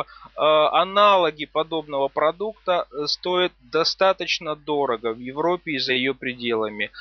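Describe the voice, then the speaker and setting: A man giving a slide presentation of a business plan, pausing often with hesitant fillers between phrases. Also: a little high, no room sound. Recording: dull lo-fi recording.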